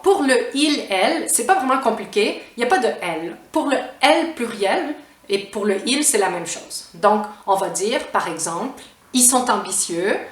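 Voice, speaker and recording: A Québécois French teacher, a woman, walks learners through pronunciation slowly and patiently. She repeats each example and checks in with little "hein?" and "ouais". Her voice sits a bit away from the mic in a roomy, echoing space. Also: fairly high pitch, lively intonation, distant mic. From Quebec. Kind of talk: casual spoken grammar lesson.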